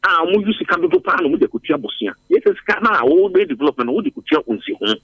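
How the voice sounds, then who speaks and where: A man's voice: fairly high pitch, very animated, fast talker, dry recording, phone-quality sound. A Ghanaian man giving emphatic commentary in a radio interview, repeating phrases for force. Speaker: interviewed policy analyst. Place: radio studio.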